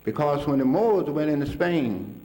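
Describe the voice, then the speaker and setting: A man's voice: on the high side, big pitch swings, normal speed, warm tone. An older man telling stories to an audience in a colloquial way, chuckling often. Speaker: speaker recalling a mentor. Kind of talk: storytelling talk to an audience.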